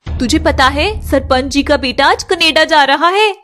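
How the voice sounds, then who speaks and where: A woman puts on a bossy, teasing teenage village girl. The voice sits high and bright, pushy and playful in a spoken storybook. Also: unhurried, faint music behind. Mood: excited.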